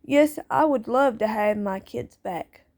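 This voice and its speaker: Slow, higher-voiced woman, aggrieved. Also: gravelly, a little mellow. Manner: plaintive, aggrieved, repetitive phrasing; nonstandard Southern grammar. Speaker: parent speaking out. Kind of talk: personal monologue to camera.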